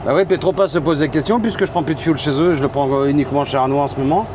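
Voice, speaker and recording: A man's voice: a little high, racing. A man from France with a French accent, a truck driver vlogging casually from his cab and chatting to his viewers. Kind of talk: casual vlog while driving. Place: inside a truck cab on the road. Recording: road noise behind. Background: engine and road noise.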